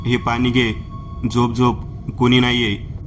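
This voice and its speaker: An anxious, caring mother, voiced by a male storyteller, fusses over her frightened daughter in a spoken horror tale. Her lines come in a flat, level tone at an ordinary middle pitch, with faint music underneath. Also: measured pace, natural voice. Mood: worried. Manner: pleading, fussing over her child.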